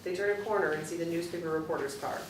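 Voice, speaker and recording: A woman reading a screenplay's stage directions aloud in a measured, matter-of-fact way. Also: lowish voice. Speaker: narrator. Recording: roomy, distant from the mic, faint noise.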